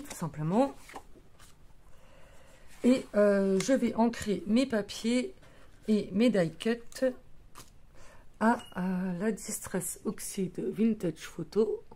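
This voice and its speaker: Slow, mellow woman showing crafts. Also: medium pitch. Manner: chatty, fills with "euh" and "voilà", talks while handling materials. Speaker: crafting tutorial host. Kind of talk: casual craft demonstration.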